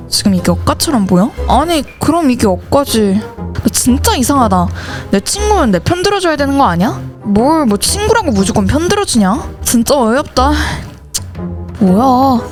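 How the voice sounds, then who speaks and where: A woman's voice: sits high, sing-song, moderate pace, over music. A woman voicing every teenage schoolgirl character in a school horror story, switching between them in dialogue. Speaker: channel host and voice actor.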